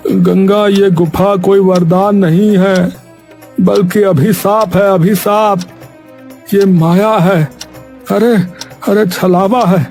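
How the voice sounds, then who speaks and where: A timid, cautious village blacksmith as an actor plays him in a cartoon story. His voice is high for a man and gravelly, and he talks slowly, pleading and throwing in "arre". Soft music plays behind him. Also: steady tone, exaggerated voice. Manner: pleading, uses "arre" filler.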